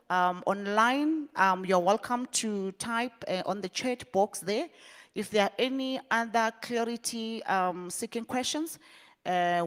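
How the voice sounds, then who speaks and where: A woman hosting a public forum, moderating questions with many fillers and restarts. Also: mid-range voice. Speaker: event host. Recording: reverberant hall.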